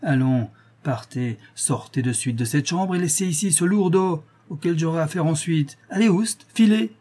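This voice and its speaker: A man reading the part of a hot-tempered young man, curt and forceful as he confronts his family. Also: a little high, normal speed, husky, voice pushed up. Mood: angry, forceful.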